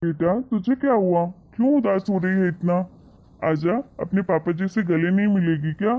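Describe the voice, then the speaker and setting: A man voicing a gentle, affectionate elderly father in a cartoon story, talking in a soothing, coaxing way. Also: high voice, moderate pace, close to an everyday voice. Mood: fond. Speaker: father and grandfather. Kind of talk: Hindi cartoon moral-story voice acting. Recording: tinny phone-like sound.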